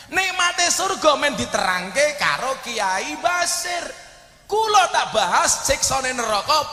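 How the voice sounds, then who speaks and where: Man, Javanese accent, comic preacher, high voice, animated storytelling, shouted punchlines, roomy echoing hall. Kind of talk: humorous sermon. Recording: echoey hall reverb.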